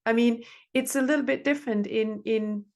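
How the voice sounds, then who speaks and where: A woman's voice: a little high, normal speed, a little mellow. A middle-aged woman therapist, giving earnest advice in conversation and repeating phrases for emphasis. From Denmark. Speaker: relationship therapist, podcast guest.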